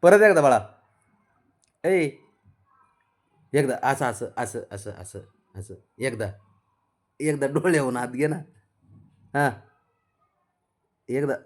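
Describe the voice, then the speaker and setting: A man's voice: medium pitch, slow, pauses often. A man at home filming his pet cat on a phone, coaxing it playfully with short repeated commands and frequent laughter. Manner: laughs often while talking. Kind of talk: casual talk to a pet. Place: indoors at home.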